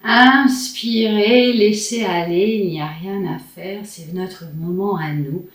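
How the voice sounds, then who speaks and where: A woman giving guided relaxation instruction as a face yoga teacher, in a soft, soothing, unhurried manner. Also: mid-range voice. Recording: roomy echo, distant mic, music. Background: music.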